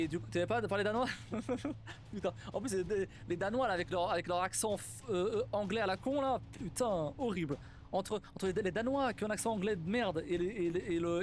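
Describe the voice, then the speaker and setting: A young man with a slightly higher voice talks casually on a live stream, rambling and swearing as he goes. Faint music plays softly behind him. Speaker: streamer and game developer.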